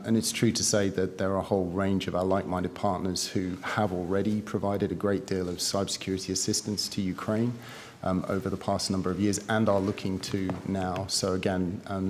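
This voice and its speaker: A man's voice: low voice, in a large hall, slight background noise. A man, a government official, giving careful and guarded answers at a committee hearing. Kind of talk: formal testimony.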